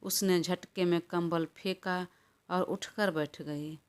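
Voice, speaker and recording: Woman reading a love story out loud, slow and calm, lowish voice. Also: smooth. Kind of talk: scripted narration.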